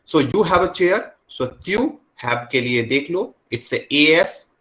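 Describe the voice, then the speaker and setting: Indian guy teaching french in a classroom, very slow, bright voice, repeats stuff over and over. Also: fairly high pitch, lively intonation, poor audio. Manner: slow, repetitive drilling, mixing English and Hindi. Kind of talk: classroom lesson.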